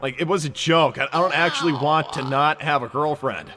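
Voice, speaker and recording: A man voicing a cocky, easygoing young hedgehog hero in a casual, brash, halting way, improvising in character on a livestream. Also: on the high side, lightly acted. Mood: casual, decisive.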